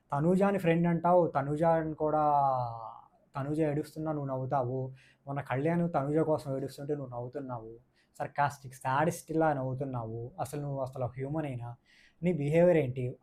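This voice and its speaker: A man's voice: on the high side, darkish tone. A man giving a casual, opinionated review of a reality show, mixing in English words and repeating his points for emphasis. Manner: mixes English words into speech.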